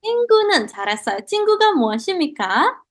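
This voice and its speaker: High-pitched woman teaching an online class. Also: big pitch swings, very fast. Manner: encouraging, mixes Korean praise into Indonesian. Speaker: Korean language teacher.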